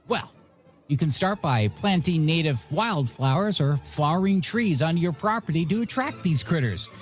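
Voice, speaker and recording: A high-pitched, animated male radio DJ and host announces songs and reads light news over a music bed in a radio broadcast. His showy announcer style draws out the ends of his phrases.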